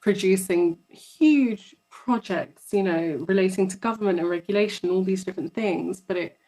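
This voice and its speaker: A woman's voice: medium pitch, normal speed, mellow, rough recording. A woman, a psychologist guest chatting in an interview and telling stories, often repeating words for emphasis. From London, England. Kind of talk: casual interview conversation.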